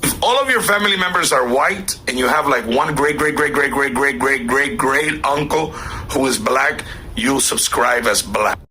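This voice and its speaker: A man's voice: medium pitch, moderate pace, bright, forceful tone, slight background noise. A man stating his views in a firm, declarative monologue. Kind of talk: opinionated video monologue.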